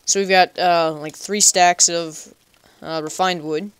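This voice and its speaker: A man's voice: a little high, fairly even intonation, a little slow, a bit bright, clean tone, dry recording. A man giving casual, chatty let's play commentary, talking to himself playfully and making up goofy nicknames for animals. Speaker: gaming channel host.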